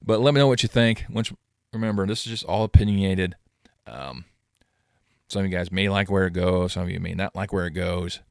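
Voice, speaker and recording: A middle-aged man hosting his own sports channel, rambling casually in a self-described monotone. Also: low voice, brisk, clear, resonant tone, no echo, clean studio sound. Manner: rambling, self-deprecating, calls himself monotone. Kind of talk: casual commentary vlog.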